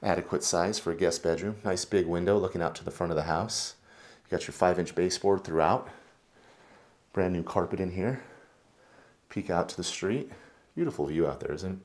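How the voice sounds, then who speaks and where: A man films his casual tour of a house for sale, moving through the rooms and out into the backyard as a real estate agent. His low voice keeps a normal speed, broken by long pauses, and his relaxed, chatty talk is full of filler words.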